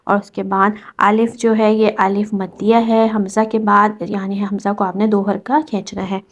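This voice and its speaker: A woman teaching Quran recitation rules step by step, patiently explaining and reciting verses slowly. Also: medium pitch, level tone. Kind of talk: tajweed lesson explaining rules.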